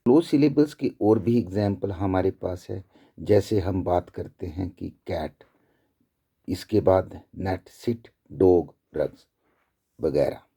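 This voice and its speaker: A man with a very low, dark and husky voice teaches a class. He speaks slowly and deliberately, stopping to spell out each example. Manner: slow, deliberate explaining with repeated examples. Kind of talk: classroom lecture.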